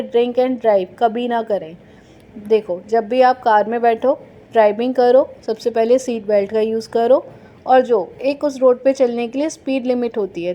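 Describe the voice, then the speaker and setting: Mellow-voiced woman teaching a class. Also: a little high. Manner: explains slowly, asks and answers her own quiz questions. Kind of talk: classroom lesson.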